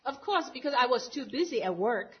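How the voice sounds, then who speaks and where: A woman interpreting a church testimony live into English, quick and often correcting herself. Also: high voice, lively intonation, husky. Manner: quick, with frequent self-corrections. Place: church meeting. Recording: muffled lo-fi recording.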